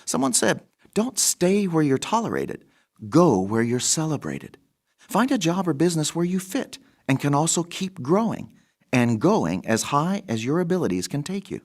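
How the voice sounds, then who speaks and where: A man's voice: a little high, sing-song, normal speed. A man presenting a scripted inspirational radio program. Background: background music.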